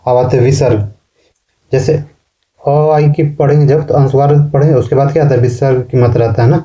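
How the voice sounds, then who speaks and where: A man teaching a class in slow, repetitive explanations, often ending sentences with a questioning tag. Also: medium pitch, fairly even intonation, mellow, lo-fi sound. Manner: explains slowly, repeats words and ends sentences with a questioning "ना". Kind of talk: classroom lecture.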